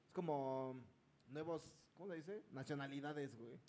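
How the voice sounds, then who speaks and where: A man's voice: medium pitch, mellow. Joking Mexican man, faint background hiss. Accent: Mexican Spanish. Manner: joking, fast slangy chatter. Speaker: podcast co-host. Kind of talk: casual group chat.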